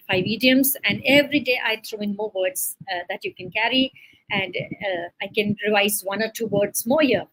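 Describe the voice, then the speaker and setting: A woman's voice: medium pitch, fairly bright tone, a little hiss or hum, rough recording. A woman teaching English vocabulary on a live stream, reading a short story aloud and then quizzing her learners in a chatty way with fillers.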